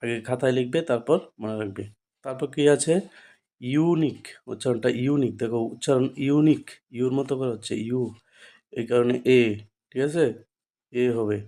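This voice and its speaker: With a warm tone, medium pitch, and normal speed, a Bengali-accented man leads a classroom-style English grammar lesson. He repeats every rule and keeps asking rhetorical questions to confirm students are following.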